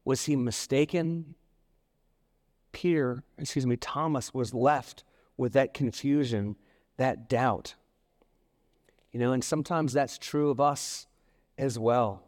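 A man's voice: medium pitch, a little mellow, long reverb tail. A man preaching a sermon in a storytelling manner, acting out the voices of the people in his story. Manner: storytelling, acts out quoted voices. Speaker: pastor.

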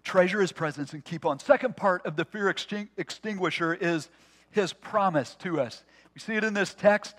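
A man preaching a sermon to his congregation, earnest and personal, dropping to a soft hush on key phrases. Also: high voice, moderate pace. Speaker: pastor.

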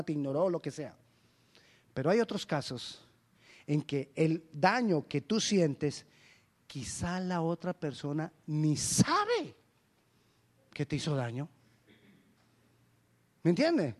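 High-voiced pastor preaching with humor. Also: male voice. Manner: lively, acts out quoted dialogue with humor. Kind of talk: sermon.

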